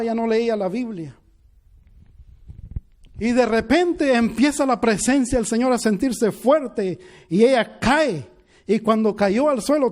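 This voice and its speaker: A high-pitched male pastor delivering a sermon. He moves between quiet, hushed storytelling and loud, emphatic preaching, with plenty of restarts as he goes.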